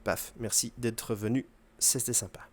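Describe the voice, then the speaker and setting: Man casually explaining a game run. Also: mid-range voice. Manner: relaxed explaining with fillers and quick asides to the game. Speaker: gaming video host. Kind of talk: casual gameplay commentary.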